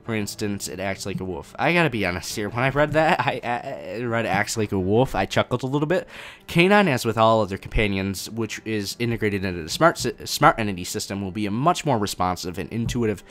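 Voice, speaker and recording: A young man with a lowish, expressive, brisk and somewhat bright voice casually answers viewer questions about his game mod during a live stream. He reads chat questions aloud and rambles a little, with faint game music in the background.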